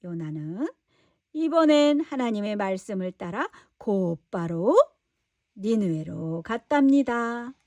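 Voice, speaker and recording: Slow, sing-song female storyteller. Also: mid-range voice, animated, darkish tone, no room sound, distant mic. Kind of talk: children's Bible story reading.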